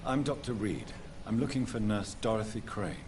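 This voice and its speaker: A man voices a composed doctor in a game who questions people in a formal, measured way, his voice low. A clear layer of noise sits under it. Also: expressive, natural voice. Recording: noisy game audio.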